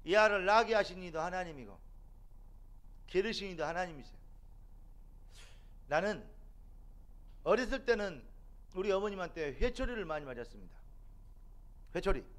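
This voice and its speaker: A middle-aged man preaching a sermon as a pastor in a church, building to loud, emphatic peaks. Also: high-pitched, lively intonation, moderate pace, long pauses. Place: church sanctuary.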